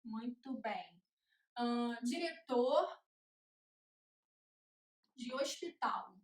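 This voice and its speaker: A woman's voice: a little high, animated, extremely slow. A woman teaching a law class at a board, chanting checklists in a rhythm so they are easy to memorize. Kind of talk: classroom lecture at a whiteboard. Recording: echoey room.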